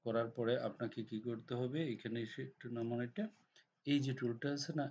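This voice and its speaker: A hoarse man with a cold walks through a design software tutorial step by step, often checking that the viewer is following. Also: medium pitch, steady tone, fairly quick. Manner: step-by-step instructions with frequent checks like "ঠিক আছে?". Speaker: computer design instructor. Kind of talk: screen-recorded software tutorial. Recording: dull lo-fi recording with faint noise.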